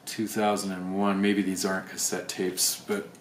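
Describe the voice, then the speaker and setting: Low-pitched and monotone at normal speed, this video creator thinks aloud while unboxing items on camera. His casual commentary is sprinkled with wry asides, and the recording has roomy echo and faint background noise.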